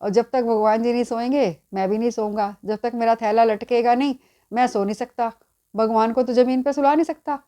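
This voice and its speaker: An elderly, stubborn devotee pleads and complains in earnest, as a woman storyteller puts him on. His voice stays warm and mellow, with insistent, repeated appeals. It is told within a spoken devotional story. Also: on the high side, steady tone, fairly quick, lightly acted.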